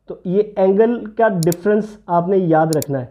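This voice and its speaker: A man's voice: mellow, slight background noise. A man teaching handwriting step by step, patiently explaining each stroke as he writes. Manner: patient, explains while writing, drops low for "see this". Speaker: calligraphy teacher.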